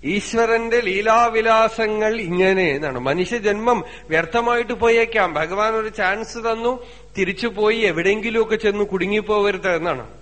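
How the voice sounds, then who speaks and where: A man with a Malayali accent gives a religious discourse, asking rhetorical questions, telling stories and slowly chanting Sanskrit verses. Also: high-pitched, a bit bright, in a large hall. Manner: conversational storytelling with rhetorical questions. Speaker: spiritual teacher.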